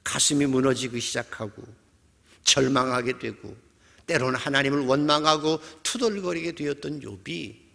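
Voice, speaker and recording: A male pastor preaching a sermon dramatically, dropping to soft near-whispers between quoted voices. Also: mid-range voice, moderate pace, vocal fry. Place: church sanctuary. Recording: reverberant church hall.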